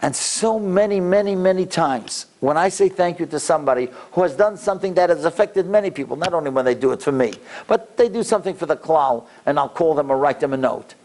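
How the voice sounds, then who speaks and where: A male rabbi delivers an inspirational lecture built on anecdotes. His voice sits fairly high for a man and has a gravelly creak. He acts out both sides of conversations and repeats words for emphasis. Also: expressive, brisk, few pauses, a little mellow.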